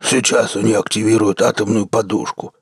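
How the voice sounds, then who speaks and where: A man voicing a calm, fatherly blue giant starship captain with a deep bass voice, in an audiobook reading. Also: slightly rough, dry recording, studio quality. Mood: dry. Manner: unhurried, fatherly, soothing. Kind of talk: audiobook character voice.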